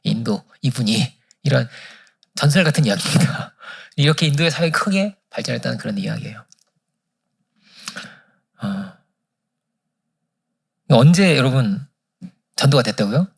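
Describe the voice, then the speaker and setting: A man's voice: medium pitch, lively intonation, moderate pace, vocal fry, pauses often, slightly rough. A male pastor preaching a sermon at a church service, telling a story and acting out the prayers in it. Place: church sanctuary.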